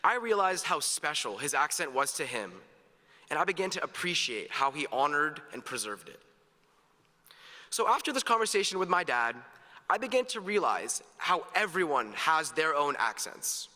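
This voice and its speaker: Teen guy giving his graduation speech, bright lively voice, kinda high, big reverby hall. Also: moderate pace. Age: teens. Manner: earnest, upbeat, with jokes. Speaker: graduation speaker. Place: large hall. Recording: echoey hall, long reverb.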